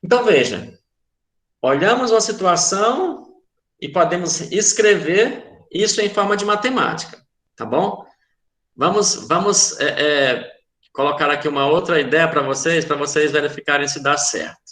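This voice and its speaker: A man with a Brazilian Portuguese accent teaches an online math class, patiently explaining a word problem, repeating it and checking students follow. His voice is on the high side and bright, with a forceful tone and a moderate pace, and the sound is reverberant.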